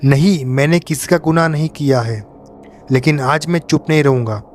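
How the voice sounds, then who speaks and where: Scared young guy yelling back at a ghost, shaky but defiant, narrator doing the voice. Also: fairly high pitch, moderate pace, faint music behind, natural voice. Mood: desperate. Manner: shouted, trembling defiance. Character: terrified young man defying a ghost.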